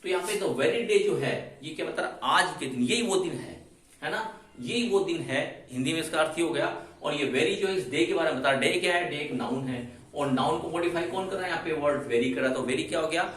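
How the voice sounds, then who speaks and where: A man's voice: a little high, a little fast, fairly bright tone. Man teaching grammar, echoey. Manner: explains step by step, asks and answers his own questions. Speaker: English teacher. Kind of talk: classroom grammar lesson. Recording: echoey room from a distance.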